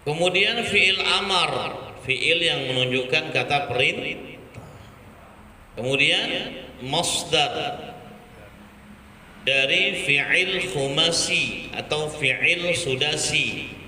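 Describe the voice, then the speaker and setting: A man teaching Quran reading, patiently repeating Arabic words and chanting them slowly. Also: on the high side, sharp tone, slight background noise. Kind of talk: slow Quran recitation lesson. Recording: echoey hall with faint ambience.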